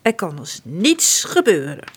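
A woman's voice: on the low side, sing-song, a little slow, a bit bright, breathy edge, voice pushed down, exaggerated voice. A woman voicing a vain, greedy male prince in a whiny, pompous storybook voice.

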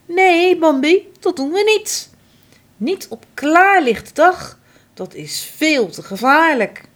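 A protective mother deer from a storybook, as a woman reads her out, her voice lifted high and swinging widely in pitch. She warns and pleads with real urgency and takes her time over each word. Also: very animated, slow, exaggerated voice. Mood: firm. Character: gentle protective mother deer, female adult.

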